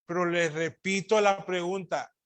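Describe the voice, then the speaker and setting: A man with a high-pitched voice preaches to his congregation, calling them brothers. He swings between loud, emphatic declarations and soft, almost murmured asides, and he leans on rhetorical questions. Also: fairly even intonation, measured pace, dry recording. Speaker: pastor. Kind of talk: sermon.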